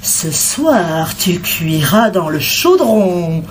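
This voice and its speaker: Woman voicing a sly male fox, smug, gloating, lowish, storybook villain. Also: sing-song, drawn-out words, a little hiss or hum, heavily acted.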